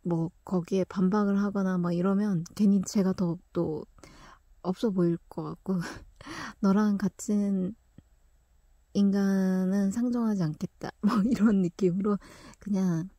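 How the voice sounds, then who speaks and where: Chatty and often laughing, a young woman shares a story from her life, slipping now and then into soft whispers. She speaks unhurriedly in a husky, mellow mid-range voice. The close-up recording is dry.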